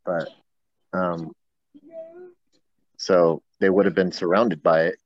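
Man, low voice, questioning Bible study participant, dry lo-fi audio. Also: little pitch movement, takes it slowly, no echo. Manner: questioning, explains geography, tag questions. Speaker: study group member. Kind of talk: casual Bible study discussion.

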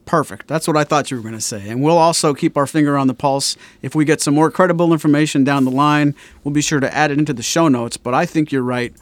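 A man co-hosting a podcast in casual chat, asking questions and steering the conversation briskly. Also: on the high side, dry recording. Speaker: podcast co-host.

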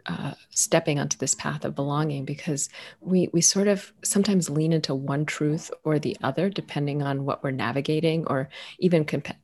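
A low-pitched woman guest reflects aloud in an interview. She muses gently, circling back with soft fillers as she reaches for the right phrase. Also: steady tone, normal speed. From United States. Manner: thoughtful, searching for words with many fillers. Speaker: author and guest.

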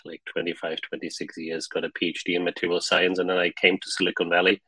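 Middle-aged man, very deep and husky. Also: little pitch movement, quick pace, sharp tone, dry recording, rough recording. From born in Czech Republic, grew up in Germany. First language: not English. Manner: rambling, repeats words and phrases. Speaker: guest, spirits brand founder. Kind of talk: casual interview talk.

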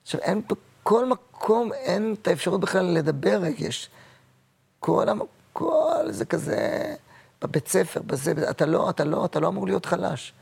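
A man in his sixties, a guest actor and comedian, telling personal stories in a halting, emotional way with many repeats. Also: high voice, very animated, vocal fry, a little mellow, slightly rough. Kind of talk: personal interview storytelling.

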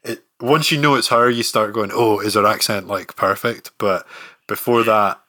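Male podcast host, lowish pitch, forceful bright tone, loose rambling chat. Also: normal speed. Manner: relaxed, rambling with many fillers.

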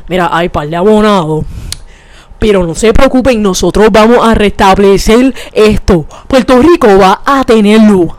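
A woman's voice: mid-range voice, normal speed, a little mellow, no room sound, close to an everyday voice. A woman putting on the voice of a pompous government official giving mock reassurances at a press conference. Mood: mock-reassuring.

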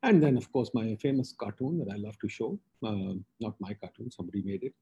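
A man's voice: fairly low pitch, lively intonation, fairly quick, dark tone, breathy edge, highs cut off. A man with a Pakistani accent hosting a webinar, presenting informally with slides in short, emphatic statements. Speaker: webinar host.

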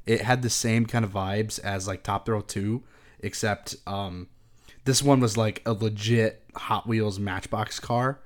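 A man co-hosting a podcast, calmly explaining things in casual chat. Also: lowish voice, measured pace. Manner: relaxed, explains with comparisons. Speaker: podcast co-host.

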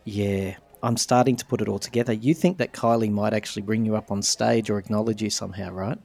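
A man's voice: lowish voice, fairly even intonation, fast talker, creaky, no echo. Man with a fading voice. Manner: warm, reassuring and enthusiastic. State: losing his voice. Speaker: podcast co-host. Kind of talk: casual fan chat.

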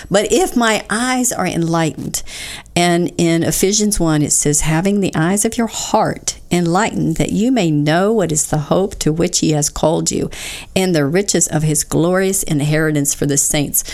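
A woman's voice: lowish voice, darkish tone. A woman co-hosting a recovery devotional, earnestly explaining scripture and leading prayer in a fervent, heartfelt way. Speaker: co-host of a recovery devotional show.

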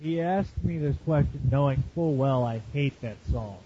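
A man's voice: medium pitch, normal speed, mellow, husky. A man co-hosting a podcast over a remote internet call, giving short resigned replies while his voice comes through muffled and underwater-sounding. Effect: muffled, underwater-sounding connection. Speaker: podcast co-host. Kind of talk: casual chat.

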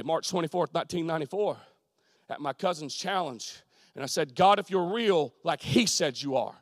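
A man with a high, bright voice gives a fervent sermon to a congregation in church. His delivery is folksy and conversational, full of repeated check-ins with the listeners. He swings between hushed intensity and ringing shouts, and the sound is dry and close. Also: no echo. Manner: folksy, repeats "you understand what I'm saying". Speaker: preacher. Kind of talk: sermon testimony. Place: church service in front of a congregation.

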